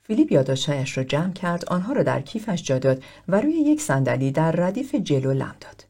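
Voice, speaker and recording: A man narrating a novel as an audiobook, reading in an even, steady way. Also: fairly high pitch. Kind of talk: scripted narration.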